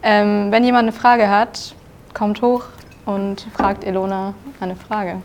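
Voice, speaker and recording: A woman moderator speaks with a gravelly, creaky edge as she hands the floor over. A faint low rumble sits behind her voice. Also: fairly even intonation, slow pace. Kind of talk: hosting a live event.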